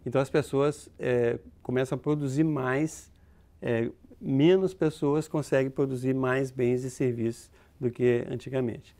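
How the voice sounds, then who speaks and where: Brazilian male academic, medium pitch, halting explanatory interview talk. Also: fairly even intonation, mellow. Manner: hesitant, many fillers and restarts while explaining. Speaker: demographer.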